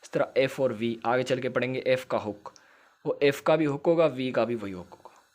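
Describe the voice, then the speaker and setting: A man's voice: medium pitch, moderate pace, a little mellow. Guy with teaching shorthand, patient, repeats stuff and keeps checking you got it. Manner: explains patiently, repeats points and checks understanding. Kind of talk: recorded lecture.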